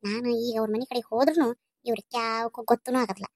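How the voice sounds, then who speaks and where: A woman's voice: a little high, fast, no room sound, natural voice. A woman with a North Karnataka Kannada accent voicing a scheming, resentful woman of a household who grumbles bitterly in a cartoon. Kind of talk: cartoon voice acting.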